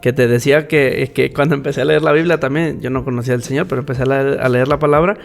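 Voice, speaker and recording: A man's voice: mid-range voice, steady tone, fast, gravelly, soft background music. A man, co-hosting a podcast and sharing a faith testimony in casual chat, repeating key phrases for emphasis. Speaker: podcast co-host.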